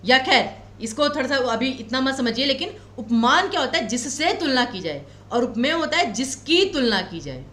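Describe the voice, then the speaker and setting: In an echoey room, a coaching-class teacher with a Himachali Hindi accent leads an exam lecture in a high, lively voice. Patient and reassuring, she goes over the main points slowly and again, telling her students there's no need to worry.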